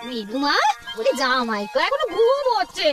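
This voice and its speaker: Fussy cartoon housewife, very high pitch, lively intonation, talkative, loud music behind. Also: normal speed. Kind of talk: cartoon voice acting.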